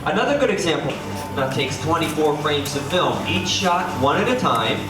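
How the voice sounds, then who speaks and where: A man's voice: fairly high pitch, very animated, normal speed. A man presenting a live studio attraction show, directing the crowd and the actors, heard on an old VHS tape recording. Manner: upbeat, directing the audience and actors. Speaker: studio tour guide. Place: large indoor studio show stage. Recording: echoey PA sound from far off, music.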